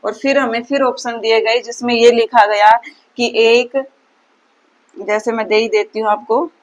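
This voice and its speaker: A woman's voice: a little high, steady tone, measured pace, low-quality recording. A woman teaching Sanskrit grammar for an exam, often asking her own questions and answering them. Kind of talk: exam-prep lesson.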